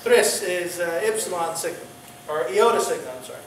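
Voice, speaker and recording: A man leads a relaxed church classroom lesson, stumbling through fillers and restarts and trading jokes with the students. He is picked up from across the room, and his voice rings in the big, echoey space. A faint hiss sits under the whole recording. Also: high-pitched, recorded from a distance. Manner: halting, many fillers and restarts, jokey with students. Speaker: pastor teaching a Greek class. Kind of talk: informal classroom teaching.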